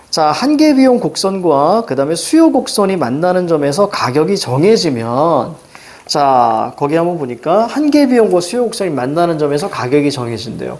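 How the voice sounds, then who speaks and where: A middle-aged man teaching a reading lesson, quizzing students with quick questions and a repeated "now". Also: on the high side, a little mellow. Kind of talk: recorded lecture explaining a reading passage.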